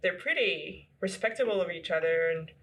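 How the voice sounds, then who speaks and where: Bright-voiced woman chatting, slightly distant. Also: lowish voice, animated, moderate pace. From Philippines. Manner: chatty, laughs often, many "like" fillers. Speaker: guest, tennis fan. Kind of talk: casual podcast chat.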